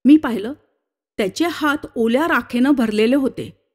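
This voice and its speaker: A woman's voice: moderate pace, darkish tone. Woman reading a story aloud. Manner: shifts pitch for different characters' dialogue. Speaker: story narrator. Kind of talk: reading a short story aloud, voicing all characters.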